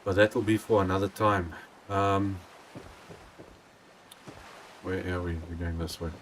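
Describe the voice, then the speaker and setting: A man thinking aloud as he streams a building game, rambling with halting restarts. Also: low voice, steady tone, a bit bright, a little hiss or hum. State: out of breath. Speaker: gaming live streamer. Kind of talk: casual live-stream commentary.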